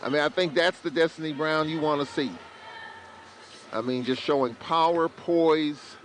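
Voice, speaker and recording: A man calling college basketball play-by-play, bursting into excited calls on big plays. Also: a little high, normal speed. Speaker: play-by-play announcer. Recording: crowd and arena noise behind.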